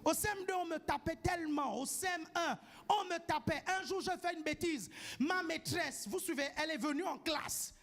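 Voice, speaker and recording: A man delivers a sermon in a strikingly high voice. He presses each point home, keeps asking his listeners whether they follow, and now and then bursts into a shout. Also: normal speed. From grew up outside France. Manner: emphatic, keeps asking the congregation "do you follow?". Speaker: preacher.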